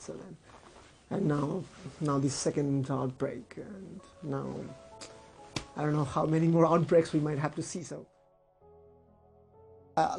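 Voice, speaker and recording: A young Nepali man with a fairly high, darkish voice and some vocal fry speaks earnestly and thoughtfully in a casual interview, often adding "like" and "right?". He's in an indoor room by a curtained window, and the recording quality is low.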